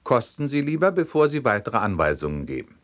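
A composed, quick-witted missionary talking his way out of trouble, pitched well above the teller's own voice as a man voices him. He sounds lively and persuasive in this spoken storybook anecdote. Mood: sly.

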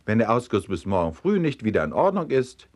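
Man reading as a calm know-it-all plumber, low and soothing, storybook joke. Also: brisk. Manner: calm and reassuring. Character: soothing, smug male plumber.

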